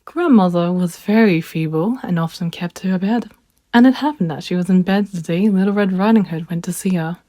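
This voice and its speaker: A woman storyteller reads a children's fairy tale aloud, gentle and expressive. Her voice is warm and mellow, with a dry, close sound and no room around it. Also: fairly low pitch, brisk, no room sound.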